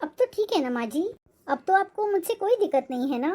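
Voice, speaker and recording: A timid young daughter-in-law answers politely in soft, pleading tones. Her pitch is very high and gentle in this cartoon. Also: lively intonation, brisk. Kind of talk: cartoon voice acting.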